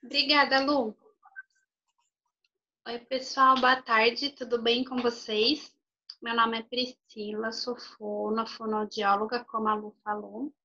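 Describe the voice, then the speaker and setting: A woman's voice: a little high, flat delivery, slow, pushed and bright. Woman speech therapist on a video call, explanatory and chatty, slightly muffled lo-fi sound. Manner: explanatory, uses frequent "tá bom?" check-ins. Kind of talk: informal health talk.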